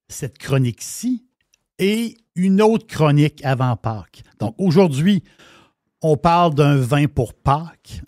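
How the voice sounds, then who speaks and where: A man with a Québécois accent, chatting excitedly about wine as a regular columnist, his words tumbling over restarts. His mid-range voice sounds close and dry, with no room around it. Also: medium pitch, no echo. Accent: Québécois French. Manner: enthusiastic, rambling, many restarts. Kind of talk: casual radio chat.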